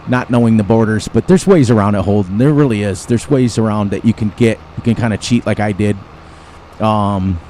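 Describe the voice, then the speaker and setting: With a mellow, fairly low voice, this gaming channel host from the United States talks casually over farming gameplay. He drifts from one thing to the next and chuckles frequently. A little hiss or hum can be heard.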